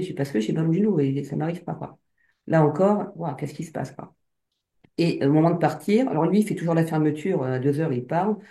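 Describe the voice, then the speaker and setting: A woman's voice: sits low, dark tone. A woman telling her own experience casually as a hypnosis client, hesitant, with many fillers and restarts. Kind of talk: casual personal account. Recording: roomy echo.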